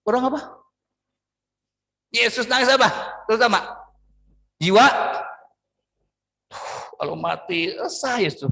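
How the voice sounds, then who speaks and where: Animated Indonesian preacher man, higher voice. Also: gravelly. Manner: animated preaching with sudden pitch swings and drawn-out words. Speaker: pastor. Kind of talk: sermon.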